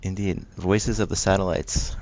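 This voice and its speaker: A man's voice: low voice, little pitch movement, normal speed, a little mellow. A man moderating an online session, reading audience guesses aloud and prompting them. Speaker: event moderator.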